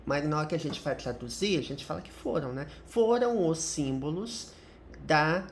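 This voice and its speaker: A woman's voice: low voice, lively intonation, moderate pace, a little hiss or hum. A middle-aged woman with a Brazilian Portuguese accent teaching English through a commented reading, explaining each point and often ending with a tag question.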